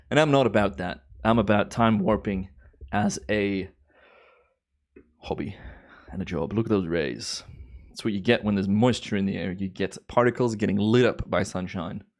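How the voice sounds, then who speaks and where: A relaxed Belgian host in his thirties chats through a timelapse live stream in a voice on the low side, drawing out cheerful, enthusiastic exclamations. His Belgian accent has picked up American and Australian English influences.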